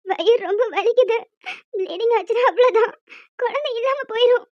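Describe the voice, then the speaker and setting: Woman doing a scheming cartoon young woman, theatrical wailing, very high voice, lo-fi. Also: brisk, no echo. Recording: dull lo-fi recording.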